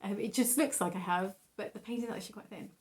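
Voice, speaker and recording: A woman's voice: medium pitch, quick pace. A young adult woman chatting casually as a painter showing her own work, rambling in a giggly, self-deprecating, hesitant way. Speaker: painter presenting own artwork. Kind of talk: casual rambling vlog chat.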